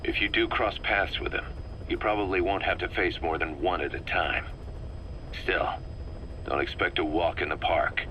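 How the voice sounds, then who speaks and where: The mercenary officer keeps a steady tone as he delivers a businesslike warning to his commander, his low voice forceful, deliberate, and emphatic, with a wry intensity. The audio is poor and carries faint background noise.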